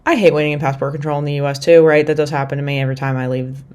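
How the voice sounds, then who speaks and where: A young American woman rambles casually through a travel vlog, peppering her talk with "like" and "you know." Her voice is low-pitched and a little mellow, holding a steady tone while she races along.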